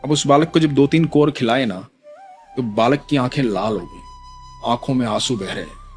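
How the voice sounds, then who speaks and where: A man narrating a devotional story in an expressive, vivid storytelling manner. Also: medium pitch, moderate pace, faint music behind.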